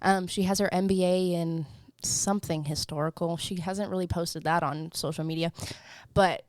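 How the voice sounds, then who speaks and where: Upbeat young woman, lowish voice. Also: fairly even intonation, normal speed, no room sound, clean studio sound. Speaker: podcast co-host. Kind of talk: casual chat.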